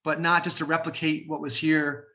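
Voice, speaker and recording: A man's voice: on the high side, flat delivery, normal speed, pushed and bright, dull audio. A man in his forties, a realtor guest chatting in an interview, telling stories with lots of fillers and restarts. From Canada. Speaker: realtor and community developer guest. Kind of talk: casual storytelling interview answers.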